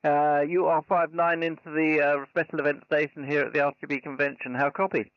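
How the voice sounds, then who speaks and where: A man with a fairly high, quite flat voice talks fairly quickly while handling live ham radio contacts at a convention special event station. The exchanges are polite and procedural, made up of call signs and signal reports. The recording is slightly muffled, with a dull sound.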